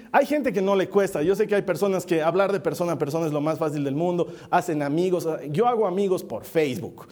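A man preaching a sermon in a confessional, animated way, acting out little dialogues as he talks. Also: high voice.

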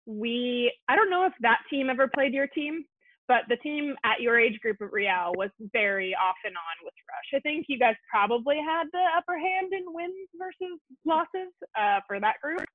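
A young woman from Colorado hosting a casual chat, talking quickly and poking fun at herself. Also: on the high side, dry recording. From Colorado, USA. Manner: chatty, quick, self-deprecating. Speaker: podcast host. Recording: tinny phone-like call audio.

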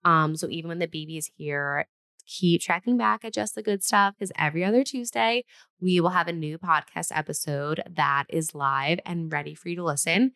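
A woman hosting her own podcast, speaking in a tired, slightly winded, raspy voice and chatting in a rambling way that often restarts sentences. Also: low-pitched, normal speed, fairly bright tone. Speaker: podcast host. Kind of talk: solo podcast intro then casual chat.

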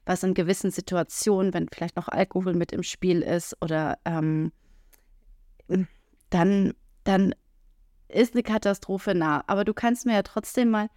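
A woman co-hosting a laid-back podcast conversation talks frankly and earthily in a mid-range voice. She uses a lot of filler sounds and occasionally performs quoted lines. The sound is close and dry, without any room echo.

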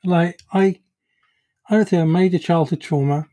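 A podcast host talking reflectively, with halting restarts, in a conversational interview. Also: medium pitch, fairly even intonation, mellow.

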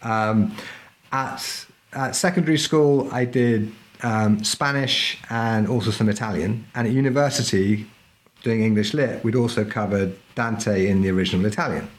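With a lowish voice at a moderate pace, a middle-aged man talks casually as a podcast guest. He instructs historical fencing, and his talk in this interview is chatty and emphatic, frequently punctuated by "right?"

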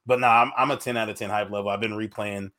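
A man with a slightly deep voice talks in a relaxed, unscripted way with his friends. He swears freely and laughs easily as he rambles through the conversation. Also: fast. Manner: laid-back, profane, laughs often. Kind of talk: casual chat.

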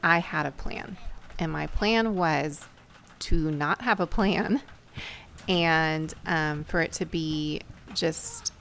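A woman in her thirties hosting a casual podcast, telling stories in a relaxed, reflective way. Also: low voice, creaky, a little hiss or hum. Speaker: podcast host.

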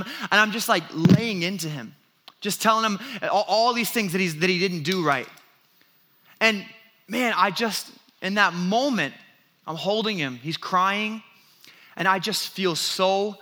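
Animated, bright-voiced young pastor. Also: male voice, high voice. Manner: animated storytelling with self-deprecating laughs and repeated restarts. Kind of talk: sermon.

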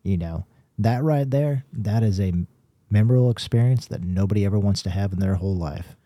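A man co-hosting a paranormal podcast, explaining his views in a measured casual way with restarts. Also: on the low side, no echo, muffled recording. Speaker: podcast co-host, paranormal investigator. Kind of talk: casual chat.

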